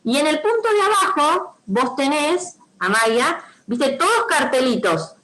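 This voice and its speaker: Over poor audio, a woman's high-pitched, fairly bright voice swings widely in pitch and moves a little slowly. She's a primary school teacher with a Rioplatense Spanish accent, patiently guiding pupils step by step during an online video-call class and frequently checking they keep up.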